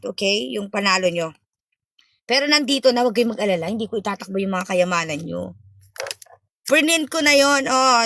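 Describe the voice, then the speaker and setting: A woman's voice: a little high, pushed and bright. A young woman hosting a live stream, chatting playfully and teasing viewers, mixing in English phrases. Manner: playful, teasing, switches between Tagalog and English.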